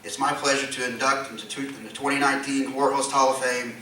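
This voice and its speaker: A man's voice: medium pitch, little pitch movement, fast. A man giving a tongue-in-cheek award induction speech at a convention, reading aloud to the room. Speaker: presenter inducting an award honoree. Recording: echoey hall, distant mic, background noise.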